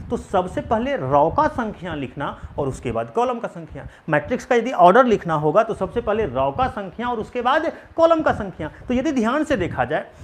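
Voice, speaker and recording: A maths teacher giving an exam-prep lesson, repeating key points with emphasis and answering their own questions. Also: medium pitch. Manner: asks the class questions and answers them.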